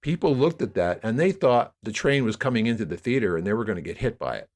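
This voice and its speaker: Speaking fast in a mid-range, sing-song voice, this audio drama producer appears as a podcast guest, with slight background noise. Over a conversational interview he lays out media history in long, rambling, emphatic stories.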